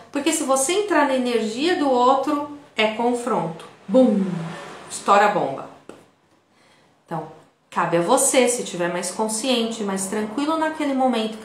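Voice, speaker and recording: A woman's voice: fairly high pitch, fairly bright tone. A woman with a Brazilian Portuguese accent giving an online video lesson in a conversational way, often checking in with the viewer. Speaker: instructor. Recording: echoey room.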